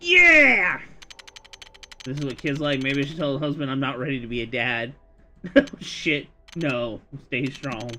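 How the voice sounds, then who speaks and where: A man's voice: mid-range voice, fairly even intonation, normal speed, fairly bright tone, slight background noise. Joking man reading a story game aloud. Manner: casual, joking, swears freely. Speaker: streamer playing a story game. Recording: music playing behind voice.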